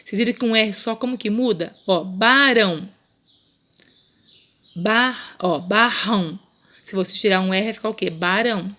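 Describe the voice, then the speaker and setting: A woman with a Brazilian accent teaching a remote lesson to young children, patient and coaxing, slowly repeating each word. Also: mid-range voice, fairly bright tone. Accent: Brazilian Portuguese. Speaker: primary school teacher.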